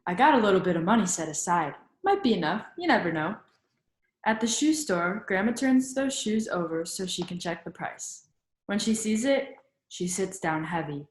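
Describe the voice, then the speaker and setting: In a reverberant space, a woman with a medium-pitched, lively voice reads a children's picture book aloud like a teacher. She keeps it instructive, pausing to ask young listeners questions so they think along with the story.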